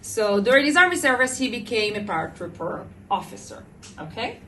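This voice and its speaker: A woman's voice: fairly high pitch, big pitch swings, fairly quick, pushed and bright. Woman with Moroccan-Israeli accent, distant noisy recording. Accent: Israeli, Moroccan-influenced. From Israel, small moshav near Modi'in. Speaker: guest speaker telling a personal story. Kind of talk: personal storytelling to a visiting group.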